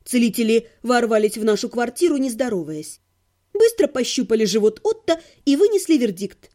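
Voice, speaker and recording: A woman's voice: on the high side, lively intonation, normal speed, warm tone. A woman reading a humorous fantasy audiobook in the first person, with a wry, ironic manner. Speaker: audiobook narrator.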